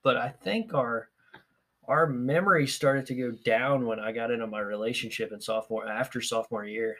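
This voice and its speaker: A man's voice: mid-range voice, normal speed. A young man hosting a podcast, telling stories in casual chat with frequent laughs. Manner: animated, laughing storyteller. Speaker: podcast host.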